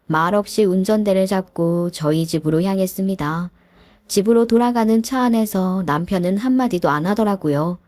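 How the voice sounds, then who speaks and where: Woman narrator, first-person story, confiding and indignant, mellow warm voice, dry close sound. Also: medium pitch, moderate pace, no echo.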